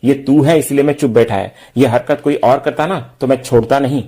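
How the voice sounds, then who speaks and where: A hot-tempered young man with blunt street slang and threats, read out by a male narrator. The voice stays mellow and darkish at a middle pitch. He sounds blunt and pushy. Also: fairly even intonation, a little fast, close to an everyday voice.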